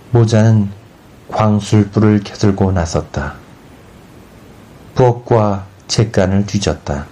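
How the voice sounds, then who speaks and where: A man reading a literary short story aloud as an audiobook narrator, in a measured, unhurried storytelling manner. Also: fairly low pitch, warm tone. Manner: measured, unhurried storytelling; raises his voice for quoted characters.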